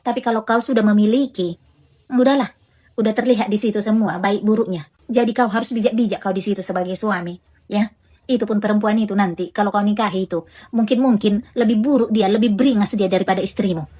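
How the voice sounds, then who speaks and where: A woman's voice: medium pitch, steady tone, fast, mellow, close to an everyday voice. A woman with a Medan Indonesian accent playing a blunt mother who scolds and lectures her grown son in a comedic family skit. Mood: lecturing. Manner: scolding, preachy, repeats herself for emphasis.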